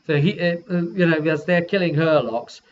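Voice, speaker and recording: In a muffled, lo-fi recording with background hiss, a man with a slightly high voice rambles casually at a moderate pace. He's a game master recapping a session and acting out how the players reacted.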